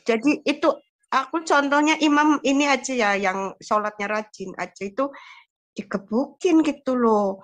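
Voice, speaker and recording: Animated woman telling her story. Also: high voice, moderate pace. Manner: animated storytelling, lively acted quotes. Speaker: testimony giver. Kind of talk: conversational personal testimony.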